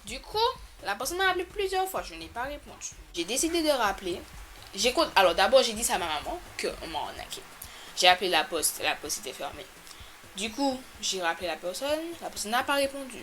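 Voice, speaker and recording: Bright-voiced woman, animated storytime. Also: a little fast, a little hiss or hum. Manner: animated, exasperated storytelling with sudden loud pitch jumps. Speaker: YouTuber telling a storytime. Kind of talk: casual storytime vlog. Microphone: camera mic.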